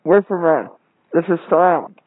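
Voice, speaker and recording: A man's voice: on the high side, unhurried. A man acting a blunt, pushy schemer, curt and insistent on a voicemail in an audio drama. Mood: cold, dismissive. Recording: tinny phone-like line.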